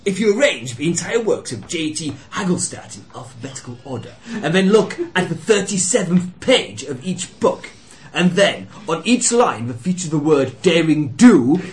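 A man's voice: a little high, sing-song, moderate pace, few pauses. A man playing a frenzied, secretive scholar in a tabletop game, rambling grandly about his theories. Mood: grandly obsessive. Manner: pompous, rambling. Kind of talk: improvised tabletop role-play. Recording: noisy room recording.

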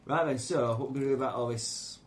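A man's voice: mid-range voice, fast talker. A man chatting casually as a player in a tabletop role-playing game. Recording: noisy home-style group recording.

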